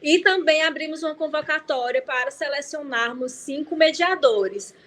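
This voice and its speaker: A non-binary presenter with a high, light voice opens an online event over a video call. The introduction is scripted but broken up by small hesitant fillers. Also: normal speed, a bit bright. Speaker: festival presenter.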